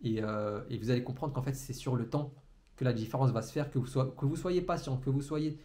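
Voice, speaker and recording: A man, an entrepreneurship trainer, giving a motivational talk to a camera in a room, talking very fast and stumbling and repeating words as he goes. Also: medium pitch, mellow. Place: room, indoors. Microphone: camera in front of him.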